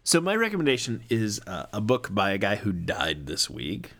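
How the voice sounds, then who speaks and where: A man co-hosting a podcast in casual chat, animated and profane, often laughing. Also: on the low side, normal speed, slight background noise. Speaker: podcast co-host.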